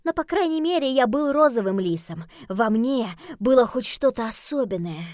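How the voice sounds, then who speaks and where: A woman voicing a grumpy, dramatic male fox who complains in loud, indignant outbursts in a storybook reading. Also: a little high, lively intonation, moderate pace, no echo, clean studio sound, lightly acted.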